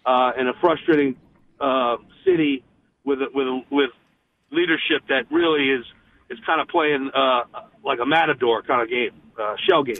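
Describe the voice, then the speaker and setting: A sports director calling in to a radio show, talking with passion and frustration and restarting often, heard over a phone line. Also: male voice, mid-range voice, normal speed, vocal fry. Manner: impassioned, frustrated, many restarts.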